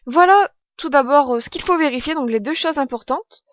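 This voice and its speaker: Chatty young woman, high voice, muffled mic. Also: brisk, no room sound. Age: 20s. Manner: chatty, self-correcting, explaining step by step. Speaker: tutorial vlogger. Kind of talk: casual screen-recorded tutorial.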